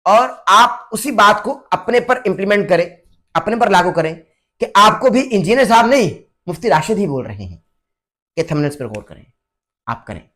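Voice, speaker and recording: A man's voice: high voice, sing-song, normal speed, bright, forceful tone. Preachy man issuing a challenge. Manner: preachy, repetitive, rhetorical. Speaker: online religious commentator and vlogger. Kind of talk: direct-to-camera challenge vlog.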